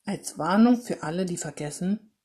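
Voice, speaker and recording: Woman reading a christmas story out loud, mellow voice, slow and expressive. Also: lowish voice, breathy edge. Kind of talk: read-aloud Christmas story.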